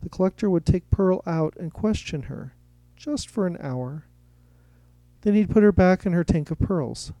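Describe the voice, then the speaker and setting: Male audiobook narrator, mellow dark timbre, dry close sound. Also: sits high, moderate pace, dry recording. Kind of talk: scripted story narration.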